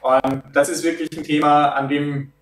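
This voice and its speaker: Heard from some distance in a roomy office meeting room, a thirtyish product developer explains step by step during a video-call interview. His slightly raised voice is a little high with a flat delivery, and his measured speech is broken by frequent filler sounds.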